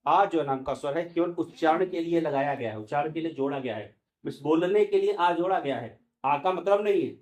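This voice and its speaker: A man's voice: a little high, darkish tone. A male teacher giving a lesson, explaining each point step by step and asking and answering his own questions. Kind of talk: classroom lesson explaining grammar.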